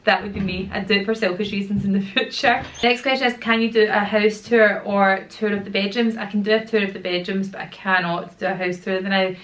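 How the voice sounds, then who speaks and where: Brisk and steady, with few pauses, this somewhat bright mid-range voice comes from a woman in her thirties with a Glaswegian accent. A YouTuber and mum, she rambles in slang to camera at home with children nearby, her throat slightly sore.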